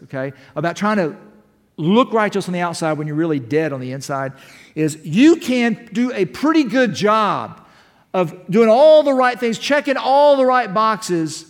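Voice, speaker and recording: A male pastor giving an impassioned sermon in a church, building to shouts and firing off rhetorical questions. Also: high-pitched. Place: church sanctuary. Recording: long hall reverb.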